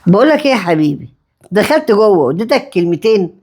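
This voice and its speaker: A woman playing a stubborn, sharp-tongued middle-aged mother-in-law with an Egyptian accent, blunt and defiant in her quick retorts. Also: mid-range voice, sing-song. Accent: Egyptian Arabic.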